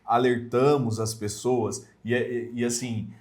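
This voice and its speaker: A man with a Brazilian Portuguese accent, mentoring on evangelism in a casual, earnest chat, often pausing with hesitation fillers. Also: mid-range voice, little pitch movement, darkish tone.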